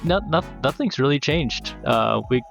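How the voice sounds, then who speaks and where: A man's voice: medium pitch, expressive, normal speed, creaky, a bit bright, faint music behind. Easygoing man from Florida. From United States (Florida). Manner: easygoing, laughs often, rambling with restarts. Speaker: guest. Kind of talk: casual conversation.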